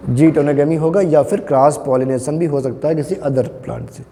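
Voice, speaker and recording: A man's voice: fairly high pitch, steady tone, normal speed, dark tone. Echoey man teaching a biology class. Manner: patient, asks students questions, calls them "beta". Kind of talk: classroom lecture. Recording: long echo in a hall.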